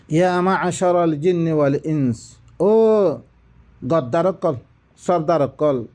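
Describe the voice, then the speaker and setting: A man's voice: on the high side, darkish tone. A man giving a religious lesson, explaining recited verses didactically with repeated phrases and rhetorical questions. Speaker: Quran teacher. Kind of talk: Quran exegesis, recited verses then explained.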